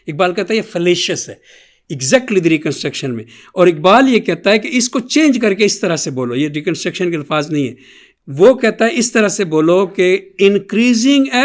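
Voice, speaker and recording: A man with a fairly high voice gives an academic lecture in answer to a question. He explains patiently and step by step. He drops English phrases into his speech and draws them out slowly when he quotes. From Pakistan.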